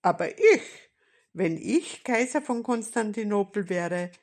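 A woman voicing a cheeky, excitable male puppet jester in a storybook reading, eager and boastful. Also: medium pitch, slow, voice pushed up.

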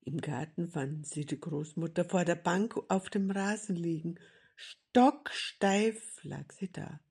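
Woman narrator for a storybook read-aloud: slow, husky, lowish. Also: darkish tone. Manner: slow, deliberate.

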